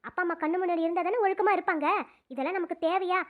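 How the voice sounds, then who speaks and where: A woman voicing a worried older father in a cartoon, low and grumbling. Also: steady tone, racing, phone-quality sound.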